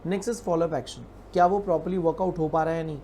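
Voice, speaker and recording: A man's voice: on the high side, steady tone, a little fast, mellow, slight background noise. A man teaching an online class in a casual, chatty way. He repeats points, calls students "beta" and explains with everyday examples.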